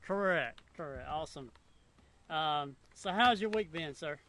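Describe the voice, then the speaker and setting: A laid-back man hosts a casual outdoor chat, chuckling often and stalling on fillers. His voice sits a touch high for a man. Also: expressive, measured pace, sharp tone. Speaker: podcast host.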